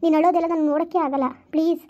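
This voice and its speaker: A woman's voice: very high voice, steady tone, rapid-fire. A woman voicing a patient mother who soothes and coaxes her crying daughter in a family skit. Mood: coaxing. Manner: soothing, coaxing, lecturing softly.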